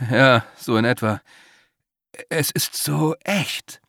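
A man's voice: medium pitch, takes it slowly, gravelly, fairly bright tone, no room sound, clean studio sound, pitched above the performer's own voice. A man voicing a weary, anxious young male doctoral student who talks in a tired, pleading way. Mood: relieved.

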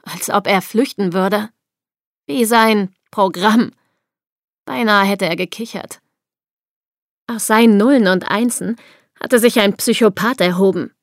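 A woman's voice: mid-range voice, a little slow, long pauses, no echo, studio quality. A woman narrating a thriller audiobook expressively, acting out the dialogue.

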